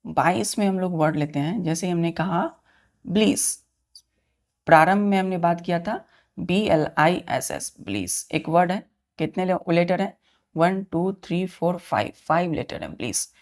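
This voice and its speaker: Woman, lowish voice, vocabulary teacher, spells words out, asks students questions. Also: expressive, a little slow. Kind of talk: vocabulary lesson for exam students.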